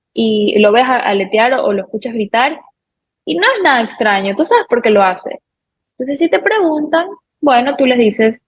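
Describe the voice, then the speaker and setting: A woman's voice: a little high, rough recording. A woman on a talk program, patiently explaining with step-by-step examples. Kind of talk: explanatory talk-show conversation.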